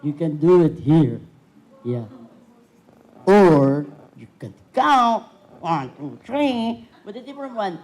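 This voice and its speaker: A woman puppeteer slowly demonstrating how she shapes voices with her mouth. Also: on the low side, lively intonation, a little mellow. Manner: slow, halting, demonstrates voices. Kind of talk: casual demonstration.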